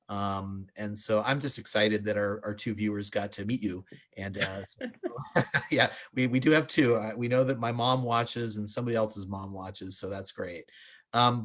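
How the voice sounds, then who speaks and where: A man's voice: on the low side, fairly bright tone. A man co-hosting a casual chat show, upbeat and joking as he thanks and introduces guests. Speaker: co-host.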